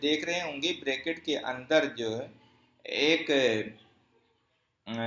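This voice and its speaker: A male teacher giving an exam-prep grammar lesson, explaining step by step, asking questions and answering them himself, and repeating key phrases slowly. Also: mid-range voice, bright, forceful tone, roomy sound.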